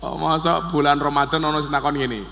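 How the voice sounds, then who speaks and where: Male preacher, Javanese accent, comic sermon, bright high voice, hall reverb. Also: fairly quick. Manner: joking, animated, mixes Javanese into Indonesian, shouted takbir bursts. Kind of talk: humorous sermon.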